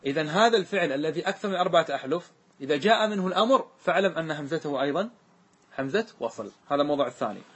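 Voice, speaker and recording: Husky-voiced man teaching a class. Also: a little high, animated, rapid-fire, a bit bright. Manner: questioning students, repeating answers. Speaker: teacher explaining grammar verses. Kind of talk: classroom lesson.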